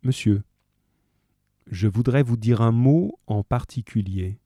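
A man voicing a humble middle-aged man under arrest who speaks softly and calmly. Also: takes it slowly, no room sound, clean studio sound. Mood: calm pleading. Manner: soft, calm and low.

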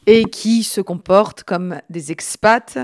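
A woman hosting an interview, talking in a measured, thoughtful way with occasional fillers. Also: mid-range voice, a little mellow, no echo, studio quality. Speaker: host.

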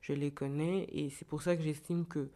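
A woman's voice: sits low, steady tone, moderate pace, warm tone. A woman novelist and former journalist who lives in Kinshasa, answering an interviewer's questions in a hesitant way, with many restarts and repeated words.

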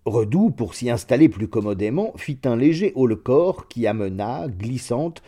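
A man narrating a literary story in a measured, deliberate way. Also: mid-range voice, expressive, warm tone.

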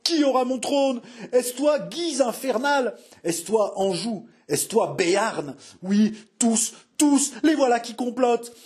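A man voicing a young, anguished king whose fearful talk climbs into frantic, raving shouts. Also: moderate pace, slightly rough. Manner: rises to frantic high shouting.

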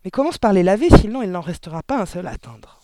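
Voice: medium pitch, sing-song, fast, mellow, dry recording, pitched above the performer's own voice, natural voice. A reader voicing a hysterical middle-aged mother who shrieks and scolds her husband in an audiobook. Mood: scornful. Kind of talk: audiobook reading.

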